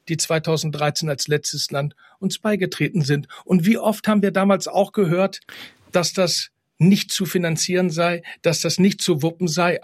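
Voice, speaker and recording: A man's voice: on the high side, dry recording, clean studio sound. A man speaking as a politician guest in a radio interview, answering in fluent, assured, speech-like sentences.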